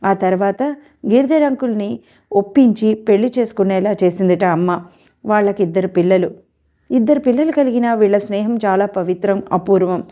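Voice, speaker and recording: A woman's voice: medium pitch, moderate pace, dark tone, lightly acted. A woman voicing a wistful young woman. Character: young woman, grieving an absent father.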